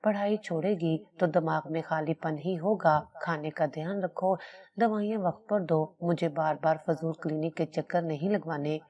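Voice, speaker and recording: A woman's voice: low voice, steady tone, mellow, highs cut off, natural voice. A woman reading the lines of a harsh, stern middle-aged father in a storybook tale.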